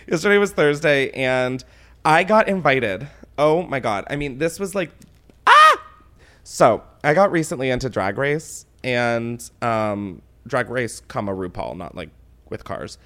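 Hungover male podcast host, wide swinging pitch, dramatic and self-mocking, casual comedic storyteller. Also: normal speed. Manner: animated, exclaiming, laughs while talking.

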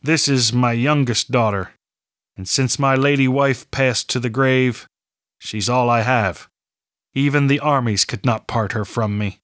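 A man voicing a weary man posing as a rural father, speaking low and earnestly in an audiobook reading. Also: unhurried, fairly bright tone, no room sound, studio quality, close to an everyday voice.

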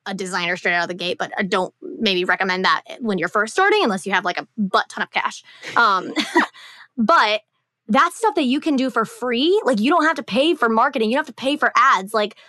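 A woman's voice: mid-range voice, pushed and bright, no echo, studio quality. A woman co-hosting a business podcast in casual chat, talking loosely with lots of "like" and "um". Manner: chatty, heavy use of "like" and "um". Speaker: podcast co-host.

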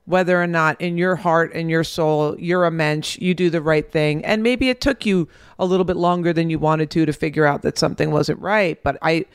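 A woman therapist talks gently and reflectively. Her voice is gravelly but smooth and rather high. The sound is dry and close. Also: steady tone, moderate pace, hardly any pauses, no echo. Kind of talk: counseling conversation.

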